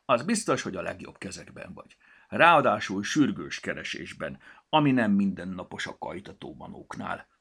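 A man with a gravelly, husky voice, voicing a lively, busy male gnome in a children's story, brisk and bossy. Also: sits low, exaggerated voice.

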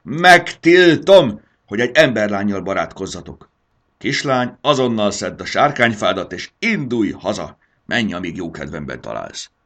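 A fierce, short-tempered mother dragon bellows and scolds in a raised, gravelly voice, as a man reads the storybook. Her husky tone stays loud and wide-ranging. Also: lowish voice, huge pitch swings, pitched above the performer's own voice, exaggerated voice. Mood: furious. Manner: roaring, scolding.

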